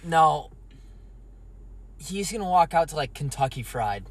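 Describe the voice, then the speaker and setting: Husky young man joking around. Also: a little high, animated, unhurried. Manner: crude jokes, laughs a lot. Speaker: podcast co-host. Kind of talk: casual chat.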